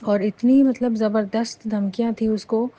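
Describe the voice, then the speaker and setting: A woman recounting a personal testimony in a casual, animated way, with many fillers and restarts. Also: on the high side, moderate pace, dry recording. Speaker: devotee sharing a testimony. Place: lives near Jaipur.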